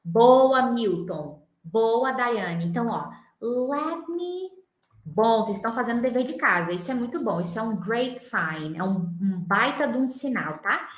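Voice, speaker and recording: A woman with a Brazilian Portuguese accent teaching a live online English class. She chats with her students and slows down to demonstrate phrases. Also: fairly high pitch, animated, roomy sound. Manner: chatty, coaxing, often slows down to demonstrate phrases.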